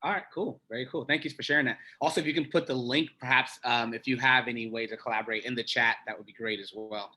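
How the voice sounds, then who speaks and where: Fast, bright-voiced male moderator. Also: medium pitch, fairly even intonation. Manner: upbeat, affirming, loose with fillers. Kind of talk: moderating a panel.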